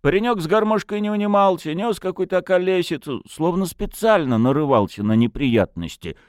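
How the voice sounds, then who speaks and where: Male storyteller, expressive audiobook narration, lively intonation, dry close sound. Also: sits high, fairly quick, no echo.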